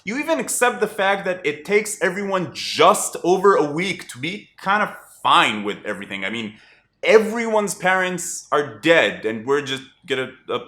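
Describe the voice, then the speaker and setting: A man chatting through a casual TV review vlog in a wry, animated way. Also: on the high side, normal speed, reverberant. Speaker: TV review vlogger.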